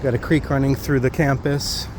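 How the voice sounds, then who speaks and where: A man's voice: medium pitch, little pitch movement, normal speed. A man giving a casual, easygoing walking-tour commentary, recorded outdoors as he walks. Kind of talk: casual walking vlog narration. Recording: clear outdoor traffic and ambient noise.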